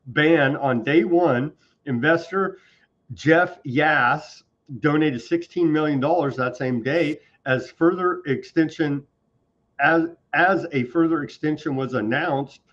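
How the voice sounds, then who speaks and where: A man's voice: a little high, highs cut off. A man hosting a news talk show, reading headlines and adding wry asides. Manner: reads headlines, then adds wry asides.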